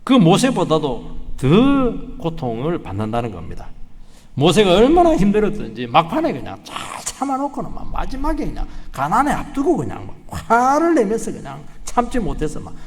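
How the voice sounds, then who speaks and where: Emphatic Korean pastor preaching. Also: male voice, sits high, wildly swooping pitch, moderate pace, long reverb tail. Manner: dramatic, acts out quoted voices, rising to emphatic peaks. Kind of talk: sermon. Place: church sanctuary.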